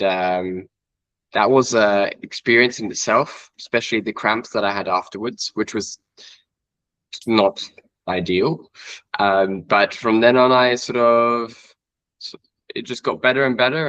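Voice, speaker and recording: Man, twenties, from Iceland, rambling interview guest, fillers and restarts, low-ish voice, muffled dry sound. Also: no echo. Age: 20s. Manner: relaxed, rambling with many fillers and self-corrections. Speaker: guest, trail runner. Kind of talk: casual interview chat.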